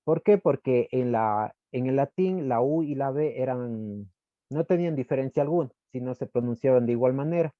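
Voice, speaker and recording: A man's voice: mid-range voice, expressive, no echo. Hesitant man presenting slides, muffled audio. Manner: hesitant, pausing to search for words. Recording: dull lo-fi dry recording.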